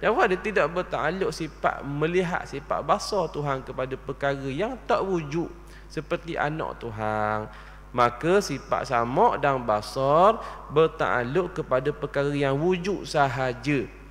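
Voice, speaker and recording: A man's voice: a little high, lively intonation, unhurried, a bit bright. A man, giving a mosque lecture that answers its own questions and keeps asking if listeners understand. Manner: rhetorical questions answered himself, checks understanding. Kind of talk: religious lecture. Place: mosque hall. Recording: long reverb of a large hall.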